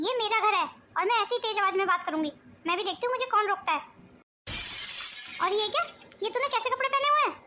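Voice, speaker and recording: A very high, bright, fast-talking sister-in-law who scolds loudly and bosses the house, played by a woman. This is family melodrama acting. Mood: domineering. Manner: loud, scolding. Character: scolding elder sister-in-law, loud-tempered and domineering.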